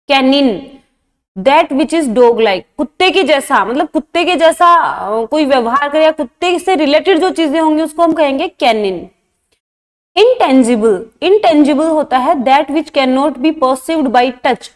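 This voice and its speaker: A woman's voice: high-pitched, big-room sound. A woman teaching a vocabulary lesson, explaining English words in Hindi and repeating each term.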